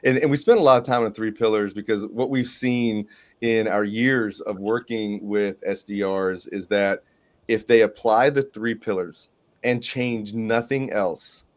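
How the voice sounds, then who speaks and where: Enthusiastic low-voiced male host. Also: fairly even intonation, unhurried. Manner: enthusiastic, emphatic, frequent "right?". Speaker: podcast host. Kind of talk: business training discussion.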